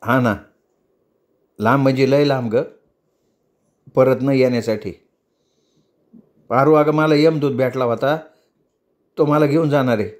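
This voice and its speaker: A man's voice: mid-range voice, fairly even intonation, unhurried, pauses often, close to an everyday voice. An anxious, pleading driver, played by a male storyteller, argues and begs in an everyday male voice. He sounds worried and keeps searching for a way out.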